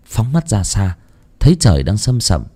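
A man narrating a ghost story in an expressive, dramatic storytelling manner. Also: fairly low pitch, normal speed.

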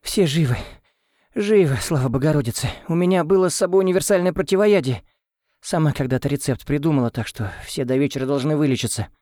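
A man's voice: on the high side, expressive, quick pace, warm tone, no echo, clean studio sound, pitched above the performer's own voice, natural voice. A man voicing a frightened, doting elderly woman nanny who pleads breathlessly and tearfully in an audiobook. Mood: panicked. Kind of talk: audiobook character voice.

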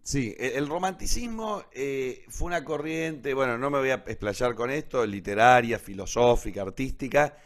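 A man with an Argentine accent presents a radio theatre programme in a medium-pitched, expressive voice at normal speed, with hardly any pauses. He explains literature in an informal, didactic way, repeating key points and checking in with short questions.

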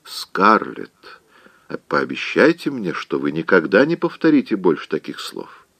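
A man's voice: deep voice, huge pitch swings, measured pace, gravelly, a bit bright, no room sound, heavily acted. A man voicing a fussy, tearful older aunt who scolds and frets, in an audiobook reading. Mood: fretful scolding. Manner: scolding, fretful, easily weeping.

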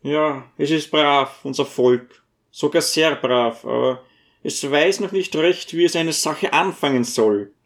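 A timid, shrewd little dwarf from an audiobook, pleading anxiously as a man puts him on. The voice sits noticeably high and wavers with worry. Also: measured pace. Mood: sly, earnest. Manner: anxious, imploring. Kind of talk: audiobook reading.

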